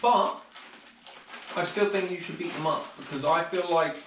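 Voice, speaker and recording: Young man, co-host, high-ish voice, mock-dramatic banter, roomy kitchen sound. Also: normal speed, background noise. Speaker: co-host baking with his brother. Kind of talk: casual joking chat. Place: home kitchen. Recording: roomy kitchen, mic at a distance.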